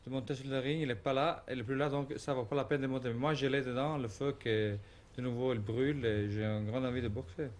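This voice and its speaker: A man's voice: mid-range voice, steady tone, fairly quick. Man, searching for words. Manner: searches for French words, determined. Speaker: boxer. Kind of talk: TV talk show guest.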